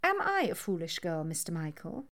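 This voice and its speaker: A woman's voice: lowish voice, huge pitch swings, moderate pace, fairly bright tone. A woman reading the part of a poised, coolly provocative upper-class young woman in an audiobook. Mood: coolly teasing.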